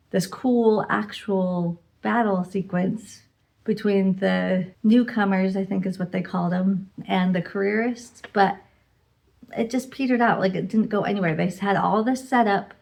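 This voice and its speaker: A woman's voice: mid-range voice, gravelly, darkish tone. A woman casually reviewing the books she read this month in a rambling vlog, with lots of "like" and "you know". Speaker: book reviewer.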